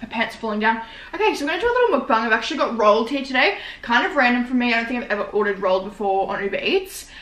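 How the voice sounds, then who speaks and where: Casting: Australian woman, 19, slightly high voice, rambling casual mukbang eating vlogger, roomy indoor sound. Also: big pitch swings, rapid-fire, a bit bright. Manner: informal, slangy, rambling. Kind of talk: casual chatty mukbang vlog while eating. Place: small living room, indoors.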